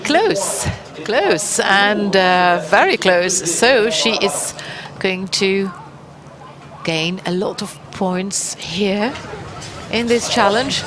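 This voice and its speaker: A woman's voice: mid-range voice, expressive, drawn-out words, over music. A woman giving live sports commentary in an encouraging, exclaiming way, often repeating her phrases. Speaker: live event commentator, also relaying a translator's words.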